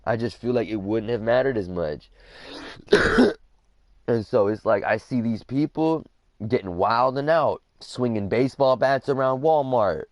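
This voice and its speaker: A man's voice: mid-range voice, measured pace, dry recording. A young man on a game livestream, telling a story in a rambling way, full of "like" and "you know what I mean". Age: young adult. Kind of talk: casual storytelling while streaming a game.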